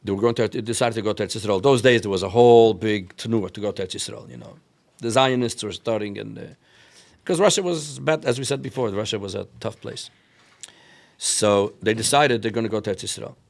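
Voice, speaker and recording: A rabbi appears as an interview guest, telling his family history in a conversational, storytelling way and sprinkling in many Yiddish and Hebrew words. He speaks fast in a low, creaky voice with plenty of inflection.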